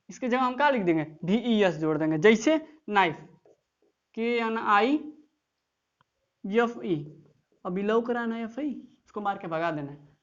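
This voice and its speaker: A woman's voice: on the high side, highs cut off. A woman teaching English grammar in an online class, explaining step by step and often checking that students follow.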